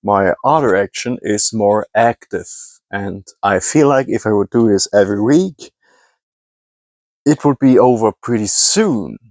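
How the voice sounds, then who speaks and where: A German-accented man with a low, darkish voice chats through a casual vlog in English, his second language, about his scrapping hobby. He speaks expressively at a measured pace, wandering off topic, hunting for words and correcting himself. The sound is close and dry, with little room echo.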